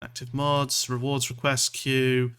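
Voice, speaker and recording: Male VTuber from Scotland, bright voice, mid pitch, loose rambling livestream chat, self-deprecating, sweary. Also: little pitch movement, slow, clear, resonant tone. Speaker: streamer, VTuber.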